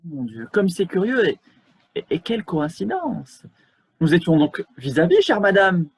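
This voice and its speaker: A man playing a stiffly polite English gentleman in an absurdist stage scene, speaking in a halting, ceremonious way over a video call. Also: high voice, very animated, slightly rough, full character voice, rough recording. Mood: formal. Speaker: amateur actor.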